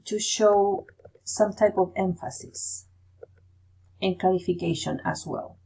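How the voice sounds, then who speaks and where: A woman's voice: lowish voice, gravelly, a little mellow, slightly rough, low-quality recording. A woman teacher giving a recorded Spanish grammar lesson, explaining patiently step by step and checking in with "right?".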